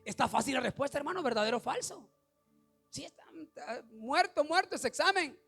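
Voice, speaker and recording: A male pastor, preaching an animated sermon that rises to shouts and puts questions to the congregation. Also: very high voice, a little fast, gravelly, faint music behind.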